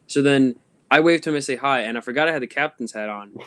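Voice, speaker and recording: A man's voice: medium pitch, fast, fairly bright tone. A young man co-hosting a casual podcast, telling long rambling stories full of ums and laughs. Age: young adult. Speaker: podcast co-host. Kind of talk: casual chat. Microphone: phone.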